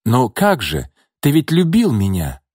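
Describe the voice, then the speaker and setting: A desperate jilted young woman, as a male reader puts her on, pleading and shrill in an audiobook. Her voice jumps high and swings widely. The recording is dry and close. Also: huge pitch swings, unhurried, a little mellow, slightly rough, no echo, full character voice. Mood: distraught. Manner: shrill, pleading, emotional outbursts.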